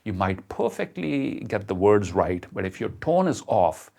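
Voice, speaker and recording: A man delivers a motivational lesson on communication straight to his viewers. His voice sits a little low, and he talks emphatically. He comes back to his main points and calls his listeners friends. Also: sing-song, unhurried, vocal fry, darkish tone. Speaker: communication skills coach.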